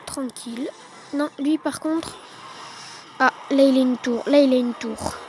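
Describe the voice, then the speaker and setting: A woman giving relaxed, chatty play-by-play commentary on her own gameplay, with quick excited bursts. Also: sits high, rough recording. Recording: noticeable background noise.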